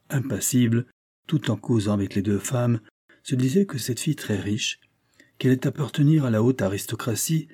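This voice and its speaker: A man narrating a classic novel aloud in a measured, even reading. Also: lowish voice, breathy edge. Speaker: audiobook reader. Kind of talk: literary narration.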